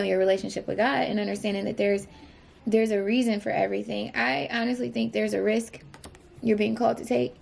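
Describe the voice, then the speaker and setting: With a creaky, slightly mellow mid-range voice, a woman works through a casual tarot reading, wandering off track and fixing her own words as she goes. Fillers come often, and she keeps checking whether what she says makes sense to the viewer.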